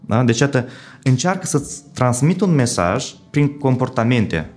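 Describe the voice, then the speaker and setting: A man speaking as a psychologist guest in an interview, explaining with worked examples and often checking in with a quick "right?". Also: mid-range voice, big pitch swings, a little mellow, faint music behind.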